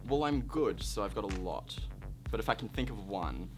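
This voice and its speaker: Campy, low-voiced Australian drag queen over music. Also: sing-song, normal speed. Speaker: drag performer. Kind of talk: talking about own craft to camera. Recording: music playing behind the voice.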